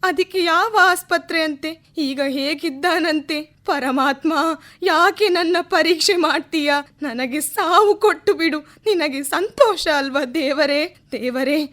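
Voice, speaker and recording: A woman's voice: high-pitched, slow pace, fairly bright tone. A woman playing a poor elderly widowed mother who sells flowers by the street, talking in a tearful, pleading way in a radio drama. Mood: anguished pleading.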